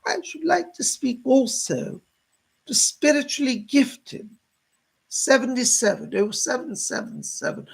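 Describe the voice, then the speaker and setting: A man as a seance medium voicing a gentle, motherly female spirit guide, speaking in genteel, solemn endearments with a husky, creaky voice. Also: very high voice, sing-song, a little slow, exaggerated voice. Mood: affectionate, greeting. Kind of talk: seance medium trance channeling, addressing sitters with spirit messages.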